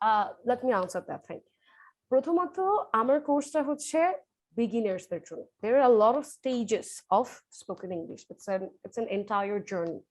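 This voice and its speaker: A woman's voice: a little high, animated, slow. A woman with a Bangladeshi accent, a spoken English instructor explaining things in class, often mixing English phrases into her talk. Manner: explanatory, switches often between two languages.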